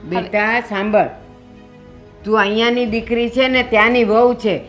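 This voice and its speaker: An actress plays a gentle older mother who pleads softly to keep the family at peace. Her voice is slightly high, with faint music behind it. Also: steady tone, a little slow, natural voice. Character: kind mother, older, protective. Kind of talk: family drama acting.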